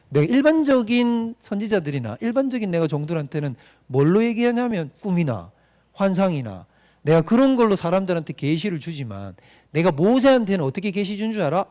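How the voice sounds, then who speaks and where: A man acting out God as a calm, stern voice rebuking two siblings. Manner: calm, low and scolding.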